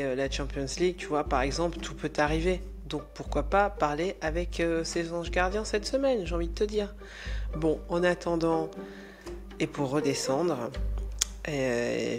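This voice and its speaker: A woman host talking casually and chattily straight to the listener about spirituality, with a joking tone. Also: low-pitched.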